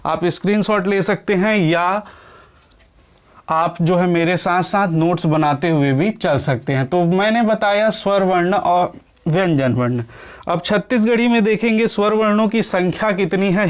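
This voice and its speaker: A man teaching an exam-prep class, explaining step by step, asking the class questions and answering them, and slowly sounding out letters to show how they are said. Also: high-pitched, clear, resonant tone. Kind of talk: classroom lecture.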